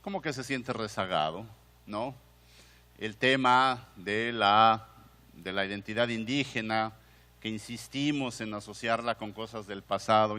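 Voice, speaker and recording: A man's voice: on the low side, bright, forceful tone. A man with a Mexican Spanish accent gives a conversational conference talk, putting questions to the audience and often restarting his phrases. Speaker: museum director giving a conference talk. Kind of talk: conference lecture. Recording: long hall reverb.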